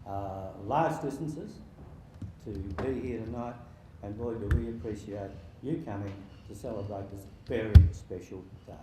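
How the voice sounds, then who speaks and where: A man in his sixties giving an informal wedding speech as father of the bride, halting and jokey with sentimental touches. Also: on the low side. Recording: very echoey room with faint background noise.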